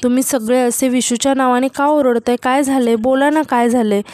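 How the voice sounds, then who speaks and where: A scheming young wife with a cold, taunting edge that turns to wailing accusation, as a woman recounting a serial reads her lines. The voice sits fairly high and the recording is close and dry. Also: steady tone, a little fast, a little mellow, no echo, close to an everyday voice. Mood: accusing lament.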